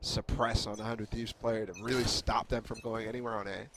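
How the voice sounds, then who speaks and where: A man's voice: fairly low pitch, flat delivery, brisk, background noise. A man working as an esports caster, giving live analysis and explaining tactics.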